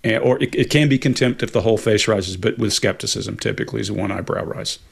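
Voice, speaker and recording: A man in his late fifties co-hosting a live Q&A over a video call, answering questions in a relaxed, explanatory way. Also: fairly low pitch, quick pace, gravelly, slightly rough. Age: 50s. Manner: relaxed, explanatory, laughs easily. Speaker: co-host. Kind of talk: casual live Q&A chat. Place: home office with bookshelves. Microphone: video call webcam.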